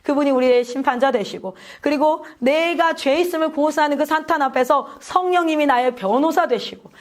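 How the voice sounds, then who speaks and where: High-voiced woman preaching a sermon. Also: fairly quick. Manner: rhetorical questions to the congregation, frequent hallelujahs. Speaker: missionary preacher. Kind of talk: sermon at a prayer meeting.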